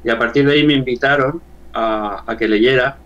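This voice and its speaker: A man in his sixties from Valencia with a Spanish accent from Spain, giving an earnest personal testimony as an interview guest, often halting and repeating words. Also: mid-range voice, a bit bright, lo-fi sound. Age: 60s. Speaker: interview guest, church member.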